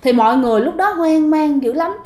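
A woman's voice: sits high, expressive, fairly quick, a little mellow. A woman narrating a ghost story in a chatty way, often speaking directly to her listeners. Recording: echoey room.

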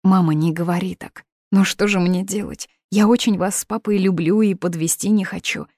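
A woman's voice: mid-range voice, fairly even intonation, moderate pace, a little mellow, no room sound, pitched above the performer's own voice, lightly acted. A woman reading the part of an eighteen-year-old daughter, pleading and emotional, in a dry, close recording.

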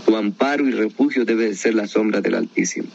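A man's voice: lowish voice, a little fast, vocal fry, lo-fi sound, a little hiss or hum. A man leading a Bible study in a conversational teaching style, often asking rhetorical questions. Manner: animated, asks many rhetorical questions.

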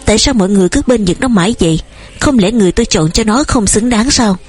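A woman with a breathy voice reading the lines of a stern old farmer father who shouts and scolds in an audiobook. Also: medium pitch, expressive, fast talker, faint music behind. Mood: angry.

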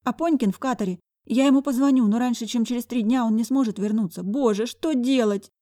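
A woman's voice: brisk, mellow, natural voice. A woman putting on a panicked, pleading woman. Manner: pleading, high and agitated. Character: panicked, tearful middle-aged woman.

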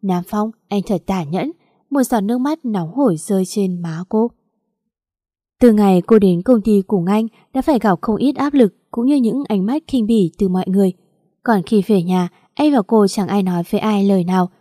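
A woman narrating a romance story as a scripted audiobook reading, in an even, unhurried manner. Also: medium pitch, no room sound, studio quality.

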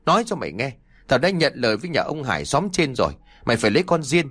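A man's voice: mid-range voice, very animated, fast talker, fairly bright tone. A man voicing a stern old village father who barks threats and orders at his son. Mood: domineering. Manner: barking, hissing threats.

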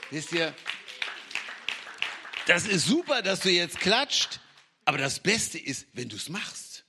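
A middle-aged man preaching an energetic sermon, acting out quotes and sometimes shouting. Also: high-pitched, takes it slowly, gravelly, noisy background. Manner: animated, acts out quotes and voices, sometimes shouts.

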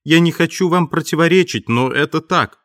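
A man's voice: fairly high pitch, moderate pace, fairly bright tone, pitched above the performer's own voice. A man voicing a downtrodden male tramp who pleads and complains, close to tears, in an audiobook. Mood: pleading. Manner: plaintive, near tears.

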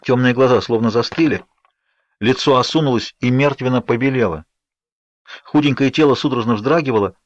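Man reading an audiobook, steady pace, dry dead room, kinda muffled. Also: mid-range voice, a little fast, no echo. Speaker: audiobook narrator. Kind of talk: first-person novel narration. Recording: dry, slightly dull audiobook recording.

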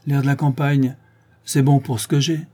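A man's voice: medium pitch, level tone, normal speed, warm tone, voice pushed up, natural voice. A man voicing a shady rural drifter who works as a hired thug, talking evasively and with a sneer.

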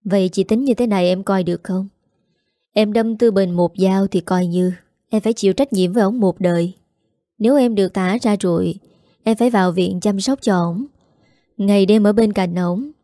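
A woman's voice: mid-range voice, normal speed, warm tone, no room sound, studio quality, close to an everyday voice. A woman voicing a harsh, scornful woman, sneering and scolding. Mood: falsely sweet. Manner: sneering, scolding, later falsely sweet.

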